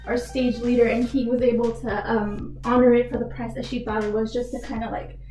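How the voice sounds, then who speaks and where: Earnest and leaning heavily on "like," a young Texan retail worker responds to job interview questions. Her voice is fairly high, mellow and level, at a fairly quick pace, captured in a roomy, rough recording with soft music in the background.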